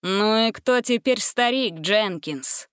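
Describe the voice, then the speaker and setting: A grumpy, sly old sorcerer, put on by a woman reading a storybook aloud. He stretches each proclamation out slowly, and the recording is dry and close. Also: high-pitched, animated, a bit bright, clear, resonant tone, no room sound, heavily acted. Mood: grumbling, solemn. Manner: slow, drawn-out proclamations.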